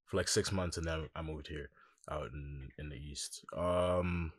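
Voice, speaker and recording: A young man with a very deep, low voice tells his story in a relaxed, reflective way, often pausing on "um" and "like". He speaks as a musician guest in a casual interview. The sound is close and dry, with no room around it. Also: husky, no room sound. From Congo.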